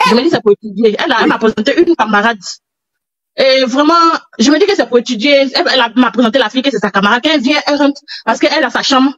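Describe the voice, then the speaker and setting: A breathless, agitated woman, pouring out her story to a call-in host with a fairly high voice. The audio is dull and dry, like a lo-fi call recording. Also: rapid-fire, a bit bright, no room sound. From Africa. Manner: agitated, repeats herself. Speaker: caller. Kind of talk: telling a personal story on a call.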